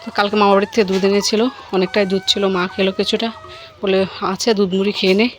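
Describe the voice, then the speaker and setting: A woman's voice: mid-range voice, flat delivery, fast talker. A woman chatting casually to the camera in a home vlog, talking to her child and a goat as she goes. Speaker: vlogger.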